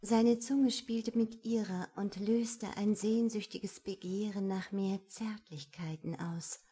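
A woman reading a romance audiobook in a calm, measured, intimate manner. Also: medium pitch, slightly rough. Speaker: narrator. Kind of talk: scripted audiobook narration.

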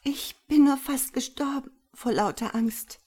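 A woman reading an audiobook voices a shaken, timid young woman, in breathy whispered role-play. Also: sits high, unhurried, mellow, voice pushed up.

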